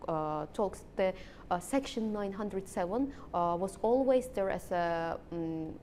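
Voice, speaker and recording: A woman with an Azerbaijani accent giving political interview answers, haltingly searching for words as she explains. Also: lively intonation, warm tone. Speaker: interviewed analyst. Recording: rumbling background noise.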